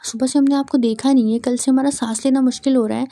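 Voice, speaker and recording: A woman's voice: high voice, fairly even intonation, fast, warm tone. Woman doing a teasing playful young groom.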